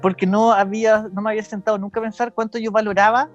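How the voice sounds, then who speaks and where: A man's voice: sits high, little pitch movement, quick pace, muffled recording, soft background music. A young man with a Chilean accent hosting a casual podcast chat, rambling and correcting himself as he goes, swearing freely. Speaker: podcast host. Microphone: video call.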